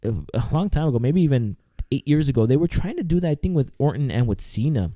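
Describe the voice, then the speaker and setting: Young man, podcast co-host, very dark mellow tone, dry close mic, chatty and eager. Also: medium pitch, animated, quick pace, no room sound. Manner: chatty, enthusiastic, repeats words while thinking. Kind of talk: casual wrestling podcast chat. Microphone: desk microphone.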